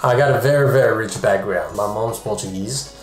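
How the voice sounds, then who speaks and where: A man's voice: on the low side, fairly quick, reverberant, soft background music. A man from France, a travel vlogger and photographer, talking casually to the camera in a chatty way, breaking off for joking asides. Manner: chatty, self-interrupting, jokey asides.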